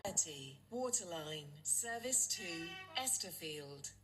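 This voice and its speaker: A woman's voice: fairly low pitch, lively intonation, slow pace, fairly bright tone, soft background music, poor audio. A woman's recorded train announcements, built from spliced-together words read out as a list of stops. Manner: clipped, evenly paced list of stops. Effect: spliced-together words, stitched from separate recordings.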